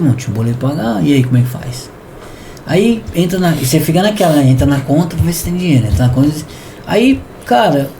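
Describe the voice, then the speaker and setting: A Brazilian man with a Brazilian Portuguese accent, a podcast guest telling a testimony in a lively way, often calling the host "irmão" and acting out dialogue. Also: fairly high pitch, a little hiss or hum. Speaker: podcast guest, business founder. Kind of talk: animated testimony storytelling.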